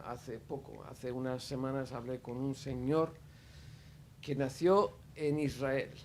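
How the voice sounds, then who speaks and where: Speaking slowly and steadily at a medium pitch, a man in the panel audience offers unscripted comments in a darkish tone. He's hesitant, with lots of fillers and restarts, and there's slight background noise.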